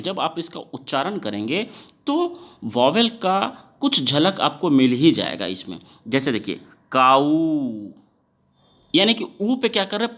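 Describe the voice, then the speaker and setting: A man's voice: a little high, a bit bright. A man who teaches students in a classroom-style lesson, often putting questions to the class and stretching words to stress their sounds.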